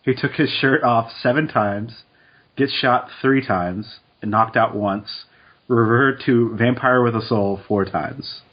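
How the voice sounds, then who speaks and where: A man co-hosting a podcast in casual chat, relaxed and quick with asides. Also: medium pitch, dull audio. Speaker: podcast co-host. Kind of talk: casual chat, reading statistics aloud.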